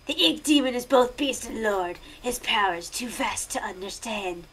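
A woman putting on a creepy voice in whispered role-play, reciting a dark poem in an ominous, drawn-out way. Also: fairly high pitch, lively intonation, slight background noise, voice pushed down, low-quality recording. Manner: slow, ominous, rasping delivery.

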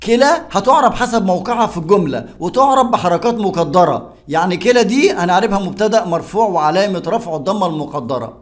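A man's voice: high-pitched, lively intonation, fast, few pauses. A man speaking with an Egyptian accent, teaching a grammar lesson step by step and answering his own questions. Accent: Egyptian Arabic.

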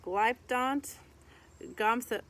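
A woman in her thirties draws out her words in a slightly high, fairly bright voice as she reads a children's picture book aloud. Teacher-like, she moves phrase by phrase with short asides, seated by a garden tree while birds and a rooster are heard outdoors.

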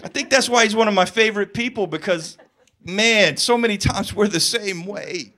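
A male pastor preaching a sermon in an animated, conversational storytelling style, with touches of humor. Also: sits high, moderate pace.

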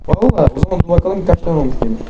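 A young man chatting fast and teasingly while gaming with friends, swearing casually. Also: fairly high pitch. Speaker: gamer. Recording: roomy, dull with noise.

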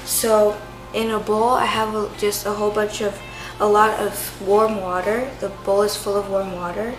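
A woman's voice: mid-range voice, flat delivery, normal speed, roomy sound, faint music behind, poor audio. A woman demonstrating a recipe at her kitchen counter in a casual, chatty way, filling her steps with "like" and "so". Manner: chatty, loose, full of "like" and "so". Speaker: home cooking vlogger. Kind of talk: casual step-by-step cooking demonstration. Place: home kitchen countertop, indoors.

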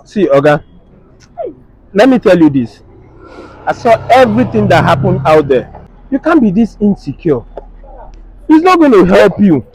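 A man's voice: high-pitched, sing-song, a little slow, pauses often, a little mellow, slight background noise, heavily acted, poor audio. A man in his thirties with a Nigerian, West African accent playing a sensible bystander giving emphatic advice in a comedy skit. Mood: firm, advising. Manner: emphatic, advising, repetitive. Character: sensible bystander counselling a jealous husband. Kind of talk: naturalistic comedy skit acting. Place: outdoors on a street.

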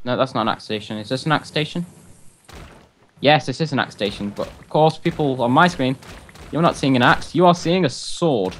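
A man's voice: medium pitch, moderate pace, a bit bright, a little hiss or hum. A man hosting a gaming video, giving casual commentary and chatting with another player over voice chat. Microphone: voice chat call while gaming.

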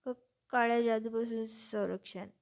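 A woman's voice: on the high side, fairly even intonation, measured pace, warm tone, close to an everyday voice. A woman voicing a nervous young male professor who stammers timidly.

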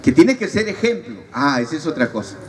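A man's voice: a little high, sing-song, brisk. A man giving a humorous preaching talk at a youth retreat and teasing his audience. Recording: distant mic, audible crowd, noisy.

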